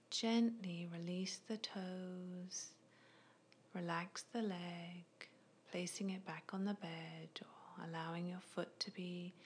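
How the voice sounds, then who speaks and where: A woman guiding a progressive muscle relaxation in a soft, unvoiced ASMR whisper, with slow, gentle, soothing instructions. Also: lowish voice. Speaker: relaxation guide.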